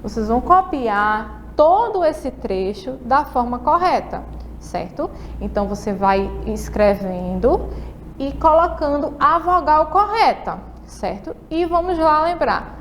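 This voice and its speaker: A Brazilian woman teaching young children, her voice pitched high and bright. She breaks words down slowly, letter by letter, and keeps checking that the class is following. A faint hiss sits under the recording. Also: lively intonation. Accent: Brazilian Portuguese. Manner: slow, spelled-out letter-by-letter explanations with frequent check-ins. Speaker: primary school teacher. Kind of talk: televised lesson for children.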